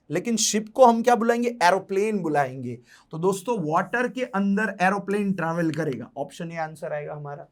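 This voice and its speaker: A young male teacher talks through exam puzzles in a loose, bantering way. His voice sits high for a man. He slows right down whenever he reads a question aloud. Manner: chatty, jokey, slows down to read English questions aloud. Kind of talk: casual explanatory lesson.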